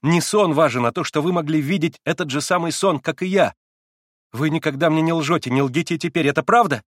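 A man's voice: on the high side, a little fast, no room sound, clean studio sound, pitched above the performer's own voice, close to an everyday voice. A man voicing Liza, a feverish young girl. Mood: urgent. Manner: breathless, rapturous, provocative. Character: excitable, morbid young girl. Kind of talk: audiobook reading.

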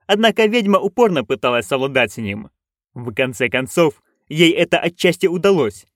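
A man reading a fantasy story aloud with expressive storytelling. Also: medium pitch, no room sound, clean studio sound. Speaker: audiobook reader. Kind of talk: scripted narration.

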